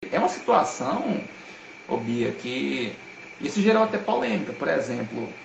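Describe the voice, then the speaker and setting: This guest on a casual live stream has a high, gravelly voice and speaks earnestly and emphatically, packing in a lot of slang. There's a roomy echo and a little background noise.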